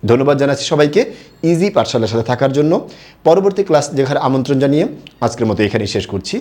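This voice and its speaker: A man's voice: medium pitch, expressive, fast, a little mellow. A young man from Bangladesh giving an online grammar lesson, explaining step by step and asking and answering his own questions. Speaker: Bengali grammar teacher.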